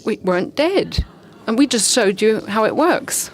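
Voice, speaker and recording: A wise, knowing parrot from a fable, voice a little higher than the teller's own, as a woman narrator puts it on. It explains itself patiently and plainly. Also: lively intonation, a little slow, slight background noise.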